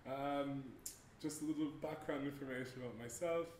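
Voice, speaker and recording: A man's voice: medium pitch, steady tone, moderate pace, darkish tone. A young man from Canada introducing the program at a concert, friendly and hesitant with many fillers. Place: church hall. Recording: roomy church echo, faint noise.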